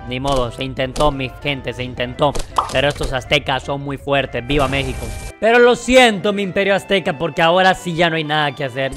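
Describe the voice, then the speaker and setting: A young man giving chatty gameplay commentary, excitable and talking straight to his viewers. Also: mid-range voice. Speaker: gaming youtuber. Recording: faint game music behind.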